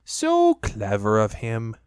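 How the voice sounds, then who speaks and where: A reader voicing a fussy mother kangaroo in a storybook, brisk, soothing and firm. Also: mid-range voice, huge pitch swings, clean tone, no echo, studio quality. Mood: brisk, motherly. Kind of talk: storybook reading.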